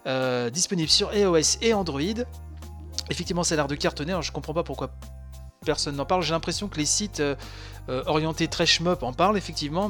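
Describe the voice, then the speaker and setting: A man's voice: a little high, a bit bright. A man hosting a casual podcast, talking with many fillers and restarts. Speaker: podcast host.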